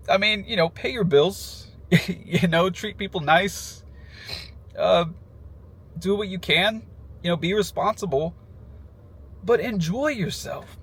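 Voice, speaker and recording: A man speaking casually and emotionally in a heartfelt personal tribute, halting as he goes, sad in his farewell. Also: high-pitched, a bit bright, breathy edge. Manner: emotional, halting, with nervous little laughs breaking into phrases.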